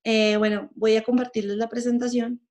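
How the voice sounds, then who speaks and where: A woman in her thirties from Colombia with a Colombian Spanish accent, giving an online workshop talk over a webcam in an earnest, measured way with frequent pauses. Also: fairly high pitch, little pitch movement, darkish tone. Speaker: workshop speaker. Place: home room, indoors. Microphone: webcam on a video call.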